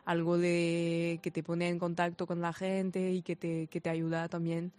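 A woman in her twenties from France with a French accent, answering interview questions haltingly in a language that is not her native one. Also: on the low side, monotone, a little mellow, clean tone. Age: 20s. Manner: halting, searching for words in non-native Spanish. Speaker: interview guest, sports volunteer.

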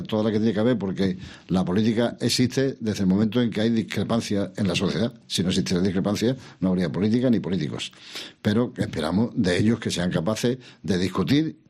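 An older man answering interview questions about politics in a measured, reflective way, pausing and restarting, asking himself questions. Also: on the low side, a little mellow, breathy edge. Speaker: interview guest, former regional president.

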